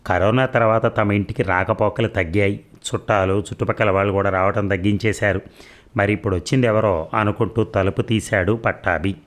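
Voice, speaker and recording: A man reading a short story aloud in a measured, expressive storytelling manner. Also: lowish voice. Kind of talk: scripted narration.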